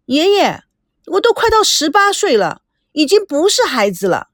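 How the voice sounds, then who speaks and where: A woman's voice: on the high side, very animated, normal speed, no room sound, clean studio sound. A woman reading aloud and voicing a willful, headstrong teenage girl who insists and pouts. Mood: wilful, pleading. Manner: insistent, pouting, sharp outbursts.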